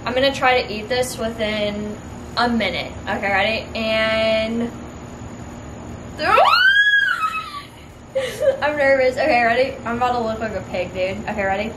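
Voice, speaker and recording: A woman's voice: on the high side, normal speed. A woman vlogger chatting casually to camera, giggly and laughing often, recorded in an echoey room. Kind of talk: casual vlog chat to camera. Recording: echoey room with steady background noise.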